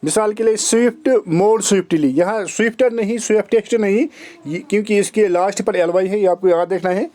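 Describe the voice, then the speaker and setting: A man teaching English grammar in a recorded lecture. He reads the rules slowly, almost like dictation, then explains them quickly with examples. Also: high-pitched, steady tone, warm tone.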